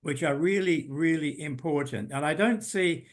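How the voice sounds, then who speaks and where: An older man giving an unhurried, thoughtful talk over a video call, pausing often with ums. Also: a little high. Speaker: invited presenter. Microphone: video call computer mic.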